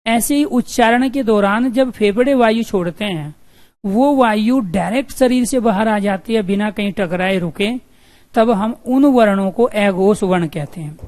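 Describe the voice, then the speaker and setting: A man teaching Hindi grammar to exam students, repeating the letter sounds and often checking with "clear?". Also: high voice, unhurried, darkish tone. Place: room with two windows and an open door.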